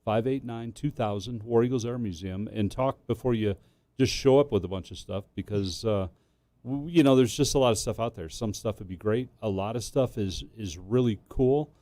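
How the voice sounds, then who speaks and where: Mellow-voiced man, friendly museum staffer. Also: on the low side, moderate pace, no echo. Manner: friendly, plain-spoken. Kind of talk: casual talk radio chat.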